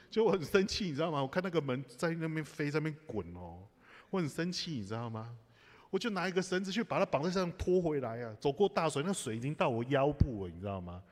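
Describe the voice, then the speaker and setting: A man's voice: fairly high pitch, very animated, a little fast. A man preaching a sermon, telling personal stories with humor and asides to the congregation. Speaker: pastor. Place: church sanctuary. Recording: live church hall reverb.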